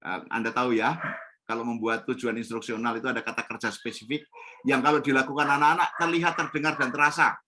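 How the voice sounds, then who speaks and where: Pria pelatih bersuara terang dan tegas. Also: male voice, mid-range voice, steady tone, quick pace, bright, forceful tone. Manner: instructive, repeats key points with a tag "ya". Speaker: storytelling trainer. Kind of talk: online training webinar. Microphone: video call.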